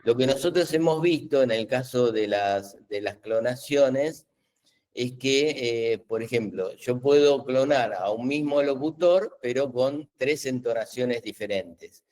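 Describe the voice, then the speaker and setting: A man's voice: medium pitch, measured pace, a little mellow. A middle-aged man, hosting a live webinar Q&A and explaining patiently with many fillers and restarts. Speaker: webinar host explaining AI tools.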